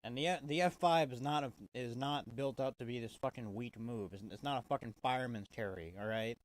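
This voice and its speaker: A man's voice: mid-range voice, a little fast, no room sound. A man giving a casual, swear-heavy wrestling review, exasperated and full of restarts. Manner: profane, exasperated, stumbling restarts.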